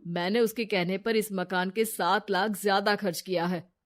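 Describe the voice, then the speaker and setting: A woman's voice: medium pitch, steady tone, normal speed, lightly acted. A woman voicing an angry young husband who speaks bluntly and sternly, in a storybook drama.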